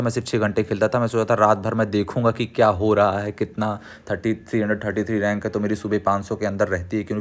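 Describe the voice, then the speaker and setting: A young man chatting casually over gameplay, sharing tips in an advice-giving way with frequent restarts. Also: on the low side. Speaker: mobile gaming creator.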